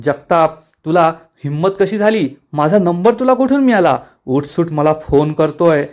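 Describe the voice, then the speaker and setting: Man doing a ruthless arrogant businesswoman, scornful, commanding, higher-pitched. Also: expressive, normal speed, darkish tone, close to an everyday voice. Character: arrogant ruthless young woman executive.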